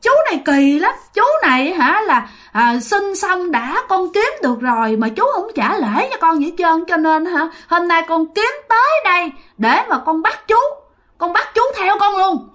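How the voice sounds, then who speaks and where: A woman putting on a little ghost boy, whining and pleading in a childish sing-song. The voice sits high and bounces up and down, repeating itself like a small child would. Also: lively intonation, moderate pace, a bit bright. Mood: accusing. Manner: childish, complaining, repetitive. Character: whiny little boy ghost, six or seven.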